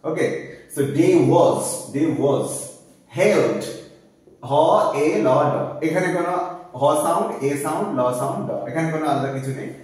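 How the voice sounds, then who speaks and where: A man's voice: a little high, expressive, measured pace, darkish tone. A man teaching English phonetic transcription in a live class, breaking each word into single sounds and repeating it. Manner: spells out sounds one by one, repeating words. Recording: echoey room, far from the mic.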